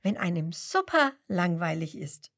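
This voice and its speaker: A woman voicing a gentle, playful mother in a children's storybook reading. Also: on the low side, big pitch swings, a little slow, vocal fry, full character voice.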